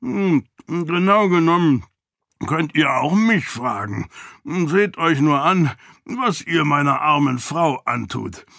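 A man voicing a portly, blunt, booming count in an audiobook, talking slowly and blusteringly. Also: expressive, gravelly, bright, forceful tone, no room sound, studio quality, full character voice. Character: portly boisterous male count, blunt glutton. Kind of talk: audiobook character voice.

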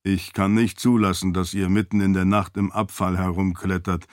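A dutiful, formal light-spirit servant, as a man voices him in a storybook reading. He speaks low and measured, with stiff, deferential politeness. The sound is dry and close. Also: flat delivery, dry recording, close to an everyday voice. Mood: firm. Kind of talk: audiobook character voice.

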